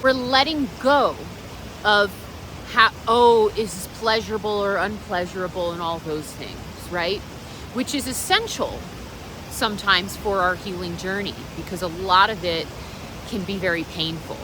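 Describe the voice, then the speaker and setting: A woman's voice: medium pitch, a little slow. A woman vlogger talking reflectively and off the cuff outdoors, encouraging the viewer directly. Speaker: vlogger and meditation practitioner. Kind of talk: unscripted reflective vlog talk. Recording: clear steady background noise.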